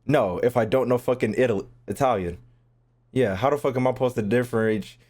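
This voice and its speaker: With faint game music in the background, a young American man streams and comments on his game, quick-talking and a little mellow at a medium pitch, full of casual slang and jokes.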